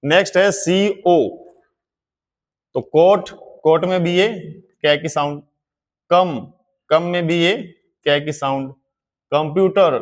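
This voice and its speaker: A man teaching English pronunciation in a slow, classroom-style explanation, spelling words out letter by letter and repeating examples. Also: fairly high pitch.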